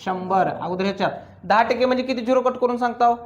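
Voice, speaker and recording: A man teaching accounts in a classroom, with a high-pitched voice. He keeps firing questions at the students and pulls their answers out of them. His delivery is teasing and full of drills. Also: fast, highs cut off. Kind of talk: classroom lecture.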